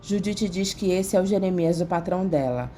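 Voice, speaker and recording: A woman with a Brazilian Portuguese accent narrating a soap opera recap in a steady, even reading. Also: lowish voice, moderate pace, a little hiss or hum. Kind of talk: scripted narration. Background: faint music.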